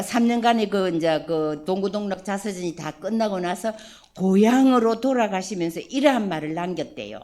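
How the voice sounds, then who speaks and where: A woman, a religious sister, giving a spoken lecture to her listeners and asking them questions as she goes. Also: mid-range voice. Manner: slow prayerful opening, then lively conversational teaching with questions to listeners. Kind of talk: prayer then spoken lecture.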